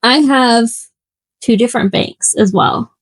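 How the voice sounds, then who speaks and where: A young woman with a fairly high voice co-hosts a casual podcast chat. She talks in an animated, teasing way and laughs often. Her voice sounds close and dry, with no room echo. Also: unhurried. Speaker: podcast co-host.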